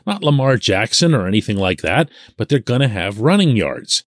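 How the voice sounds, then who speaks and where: A man in his forties from Pittsburgh, hosting a solo sports podcast and talking in an animated way, stretching the words he wants to stress. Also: mid-range voice, moderate pace, dry recording, clean studio sound.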